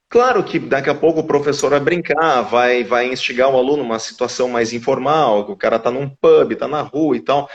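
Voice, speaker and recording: A man, a guest from a language school, explaining at length in casual live-stream conversation with frequent restarts. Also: mid-range voice. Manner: explanatory, restarts with repeated words. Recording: dull lo-fi audio.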